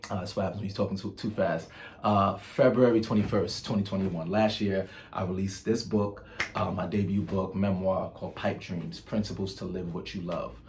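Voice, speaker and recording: A man from Nigeria runs his own channel and talks through stories in a relaxed, chatty monologue, often saying um and restarting. His low voice is steady and darkish, moving at a moderate pace, and there's a little hiss or hum.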